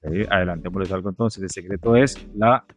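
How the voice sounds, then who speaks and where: A man's voice: low voice, quick pace, faint music behind. Playful Colombian podcast host man. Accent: Colombian Caribbean coast. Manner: prompting, playful interviewer. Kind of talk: casual podcast chat.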